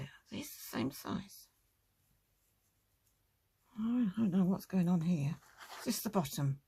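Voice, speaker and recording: A woman's voice: fairly low pitch, vocal fry, a little mellow, breathy edge. A woman hosting a casual crafting tutorial, chatting and thinking aloud as she works.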